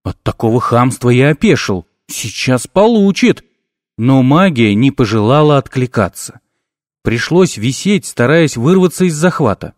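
A male audiobook narrator with a mid-range voice, reading fantasy with lively, animated swings in pitch. The recording is dry and close, with no room sound. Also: moderate pace, dry recording. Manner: expressive, lively storytelling. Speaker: audiobook reader.

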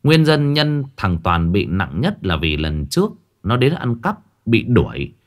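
A man narrating a ghost story in an expressive, dramatic storytelling manner. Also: lowish voice, measured pace. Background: faint background music.

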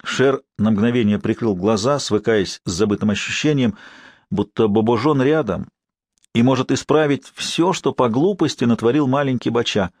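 A man narrating a fantasy audiobook in a steady, expressive reading. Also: medium pitch, moderate pace, no room sound, studio quality. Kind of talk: scripted narration.

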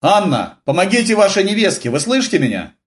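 A man's voice: medium pitch, animated, moderate pace, natural voice. A man voicing a tough male major who barks short, curt orders in battle, in an audiobook. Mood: rallying shout.

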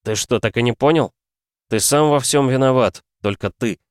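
A man's voice: mid-range voice, moderate pace, clean tone, no echo, studio quality, pitched above the performer's own voice, lightly acted. A man voicing a young adult son who accuses his father in a raised, intense voice. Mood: accusing.

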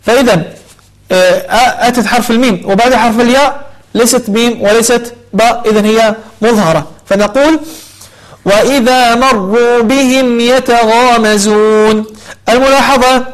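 A man teaching the rules of Quran recitation, explaining each rule and then reciting the verses slowly and drawn out. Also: very high voice, rough recording. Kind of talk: tajweed lesson with slow recitation.

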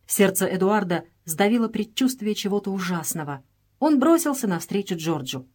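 A woman narrating a novel in a measured, expressive reading voice. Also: mid-range voice.

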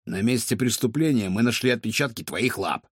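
A man's voice: mid-range voice, lively intonation, a little fast, breathy edge, no room sound, studio quality. A man reading a children's audiobook, voicing a bossy, commanding male animal detective. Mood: stern. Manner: stern, commanding. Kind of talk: audiobook character voice.

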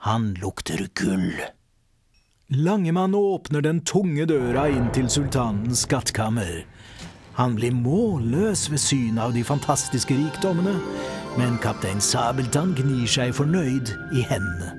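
A man narrating a children's audiobook in a lively storytelling manner. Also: mid-range voice, music in the background. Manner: lively storyteller, voices all the characters.

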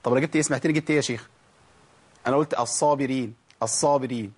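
A man with an Egyptian Arabic accent giving a spoken tajweed lesson as a Quran recitation teacher. He fires off rhetorical questions and answers them himself, and draws out syllables slowly when he demonstrates pronunciation. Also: mid-range voice, breathy edge.

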